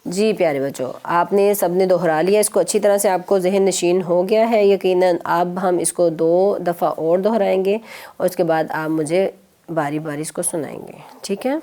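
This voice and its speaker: A woman's voice: fairly low pitch, dark tone. Patient woman teaching children to read. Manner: patient, encouraging, drills letter sounds slowly. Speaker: children's Quran reading teacher. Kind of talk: televised phonics lesson for children.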